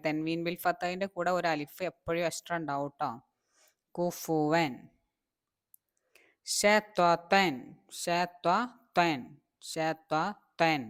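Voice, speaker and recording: A woman's voice: deep voice, a bit bright. A woman teaching Arabic reading, drawing out each word and asking her listeners questions. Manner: drawn-out repeated words between quick explanations. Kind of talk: slow reading lesson.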